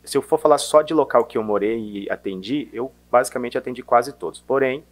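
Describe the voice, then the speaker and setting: Guy w a faded mineiro accent, chatting in an interview, lots of restarts, normal pitch. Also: a little fast. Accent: Mineiro, softened. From Minas Gerais, Brazil. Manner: hesitant, many restarts and fillers. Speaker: salesman guest. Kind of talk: casual interview chat.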